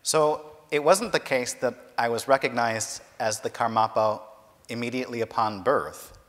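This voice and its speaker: A man interpreting a talk consecutively, in steady and careful formal phrasing. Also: mid-range voice, normal speed. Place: large university lecture hall. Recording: long hall reverb.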